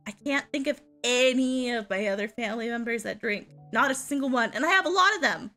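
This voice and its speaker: Young woman streamer, high and very lively voice, bright, unhurried casual chat, constant giggles. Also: soft background music. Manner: giggly, laughs often between sentences. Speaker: VTuber streamer.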